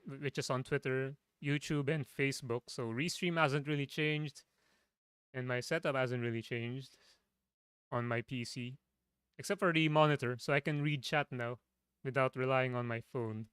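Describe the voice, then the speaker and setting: A streamer from the Philippines, a man with a low, smooth, clear and slightly bright voice, rambles through a casual chat, stopping and restarting his thoughts. His intonation is fairly even and his speed normal, though his voice is tiring a little. He is recorded close and dry at a home computer desk.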